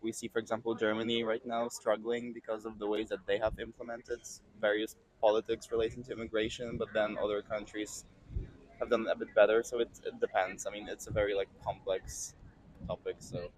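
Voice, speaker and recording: A man giving a measured, hedging answer to a street interviewer. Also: on the low side, flat delivery, poor audio. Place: city street outdoors.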